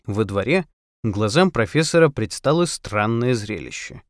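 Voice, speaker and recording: A man's voice: on the low side, lively intonation, measured pace, dry recording, studio quality. A man reading an audiobook in a theatrical style, putting on voices for the characters. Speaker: audiobook narrator.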